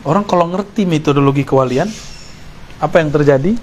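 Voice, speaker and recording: Man giving a relaxed sufi lecture. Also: a little high, a little fast. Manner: relaxed, joking aside with listeners. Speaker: religious teacher. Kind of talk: sufi study-circle lecture.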